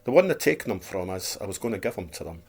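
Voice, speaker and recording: A deep, husky, slightly mellow male voice speaks fast and very animatedly. He's a Scottish vlogger in his fifties with a Dundee accent and a speech impediment that turns r into w, chatting casually and plainly in a rambling, repetitive way.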